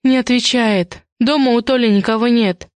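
A woman's voice: a little high, steady tone, no room sound, voice pushed up, close to an everyday voice. A woman reading an audiobook and voicing an anxious, stern older woman who manages others. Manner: slow, bewildered then stern.

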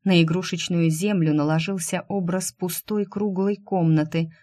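Low-voiced woman reading a fantasy audiobook. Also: moderate pace. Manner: expressive reading, voicing the characters. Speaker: narrator.

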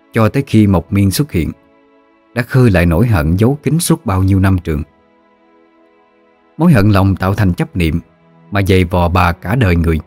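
A man narrating a ghost story in a steady, even manner. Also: sits low, no room sound. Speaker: audiobook narrator.

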